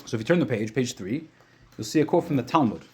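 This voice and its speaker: A man teaching an informal religious class as a rabbi, reading texts and explaining them step by step, often rephrasing as he goes, in a slightly husky voice. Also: medium pitch, animated, a little mellow, slight background noise. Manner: explanatory, repeats and rephrases points, halting at times.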